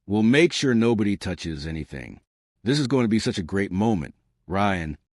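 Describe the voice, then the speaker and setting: A cheerful, accommodating restaurant manager, as a male narrator puts him on, a little brighter than the storyteller's own voice. The voice stays lively and rises in pitch when he asks something. The recording is dry and close. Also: moderate pace, no echo. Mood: friendly.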